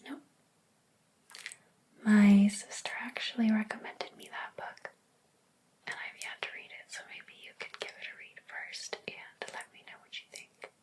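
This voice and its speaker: A woman whispering slowly and breathily in a soft ASMR whispered role-play as a gentle, helpful librarian. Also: fairly high pitch, little pitch movement. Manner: slow, gentle, hushed.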